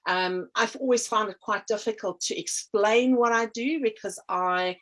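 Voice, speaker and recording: An energy healer and artist, a middle-aged South African woman appears as an interview guest and speaks casually, wandering through her thoughts with frequent ums and restarts. Her medium-pitched voice is a bit bright and measured in pace.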